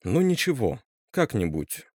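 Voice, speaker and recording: A man narrating a scripted horror story in an expressive way, doing all the characters' voices himself. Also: mid-range voice, measured pace, no room sound, studio quality.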